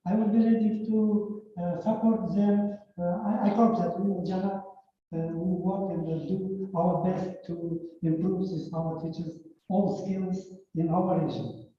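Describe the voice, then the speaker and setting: High-pitched man with a Kazakh accent, very echoey. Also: steady tone. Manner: halting, non-fluent English. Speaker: teacher and programme alumnus. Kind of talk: informal speech to a meeting. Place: echoey indoor meeting room. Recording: very echoey room, distant muffled mic, faint noise.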